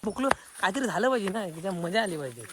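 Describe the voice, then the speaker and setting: A man with a Konkan Marathi accent, filming a casual outdoor vlog on a phone and excitedly calling out to friends. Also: sits high, fast. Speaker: vlogger. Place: outdoors in a village field. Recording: crowd noise outdoors. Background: crowd of villagers.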